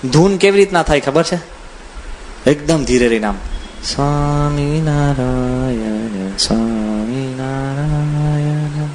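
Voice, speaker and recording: Animated storytelling monk, man. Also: a little high, brisk, pauses often, a little hiss or hum. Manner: animated, acts out quoted voices, chuckles while telling anecdotes. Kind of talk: humorous storytelling discourse.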